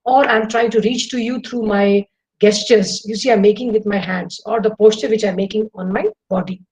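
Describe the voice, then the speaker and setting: Over a video call, a guest speaker, a middle-aged woman with an Indian English accent, lectures students in a lively, enthusiastic webinar full of demonstrations. Her mid-range voice moves at normal speed, and the recording is rough.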